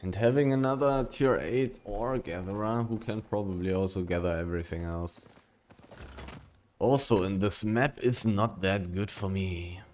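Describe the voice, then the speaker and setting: A man's voice: on the low side, a little slow, a little mellow, a little hiss or hum. A man giving casual running commentary while he plays a video game, thinking aloud and humming between remarks. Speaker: gaming video creator.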